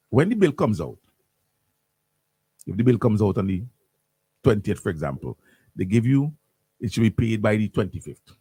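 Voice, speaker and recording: A man's voice: on the low side, a little mellow, slightly rough, dry recording. A man hosting morning radio talk, ranting animatedly with lots of repeats and restarts in a studio. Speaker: radio host.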